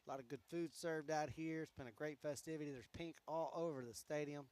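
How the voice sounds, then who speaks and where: A man calling high school softball play-by-play, easygoing and chatty between pitches, his voice going hoarse. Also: steady tone, brisk. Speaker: play-by-play announcer.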